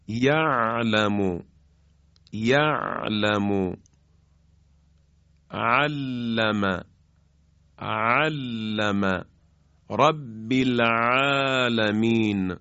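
Low-voiced guy teaching quran pronunciation on a broadcast, polite and measured, drags out the example words, dry and kinda muffled. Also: a bit bright, no room sound. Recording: dry, dull lo-fi broadcast sound.

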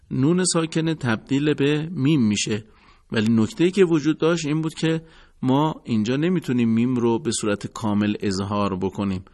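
A man teaching Quran recitation rules in a measured, formal way, repeating each rule. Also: mid-range voice. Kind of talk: recorded tajwid lesson.

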